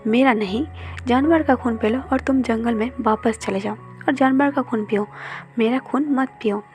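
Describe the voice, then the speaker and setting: A woman voicing a quick-tempered young man who scolds and quarrels, telling the story in Hindi. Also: on the high side, a little mellow, faint music behind, close to an everyday voice. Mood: angry.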